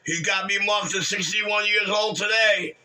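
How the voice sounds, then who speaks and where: A regular on a call-in chat room show, this man in his sixties brags and throws profane trash talk around in casual conversation. His high-pitched voice is sharp-toned with fairly even intonation and a measured pace, recorded on a distant mic.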